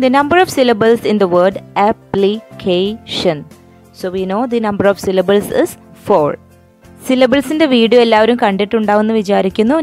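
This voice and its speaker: A woman teacher with a Malayali accent, going through exam questions. She reads each question slowly and explains the answers in quick asides. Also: medium pitch, a little mellow.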